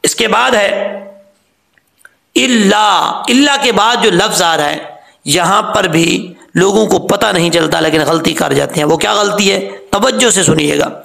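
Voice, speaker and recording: High, gravelly male Quran teacher. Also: bright, forceful tone, roomy sound. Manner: explains slowly, then stretches out sounds to model pronunciation. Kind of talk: tajweed lesson.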